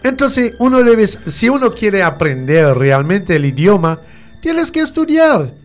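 A man whose first language is French teaches pronunciation, slowly repeating letters and words. His voice sits fairly high, and faint music plays underneath. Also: sing-song. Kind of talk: radio French lesson.

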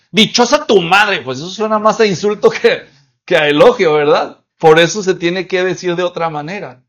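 High-voiced man preaching an expository sermon. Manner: asks the congregation questions and answers them; acts out quoted voices in small scenes. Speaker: pastor.

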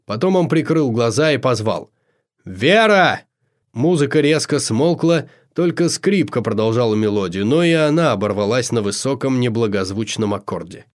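Man, audiobook narrator, scripted narration, measured, expressive, mid-pitched.

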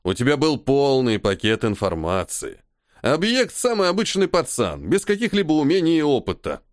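An irritable, commanding army colonel, as a male audiobook reader puts him on, sarcastic and tired of his subordinate. His pitch swings widely between lines, and the voice sits dry and close with no room around it. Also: huge pitch swings, moderate pace, no echo. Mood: irritated. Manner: sarcastic, commanding, weary sighs. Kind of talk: audiobook character voice.

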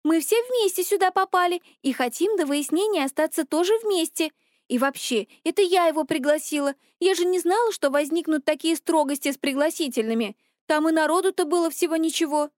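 A woman voicing a stubborn, sharp-tongued teenage girl who speaks insistently. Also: extremely high pitch, a little fast, dry recording, clean studio sound, voice pushed up.

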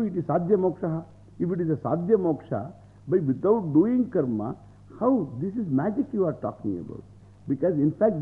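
South Indian swami teaching, thin phone-like sound. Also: male voice, fairly high pitch. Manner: repeats phrases, explains word by word, argues with rhetorical questions. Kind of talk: scriptural lecture with Sanskrit quotations explained in English.

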